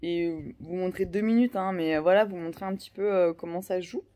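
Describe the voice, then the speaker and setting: A woman's voice: on the low side, fairly even intonation, fast, dark tone. A woman in her thirties chatting casually in a vlog, rambling with many fillers and restarts. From France. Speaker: vlogger.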